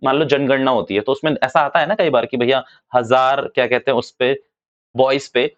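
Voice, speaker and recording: A man teaches commerce in a casual classroom lecture, speaking in a medium-pitched, steady voice at a moderate pace. He is chatty, calls students "bhaiya," and repeats his points. The recording has a dull, lo-fi sound.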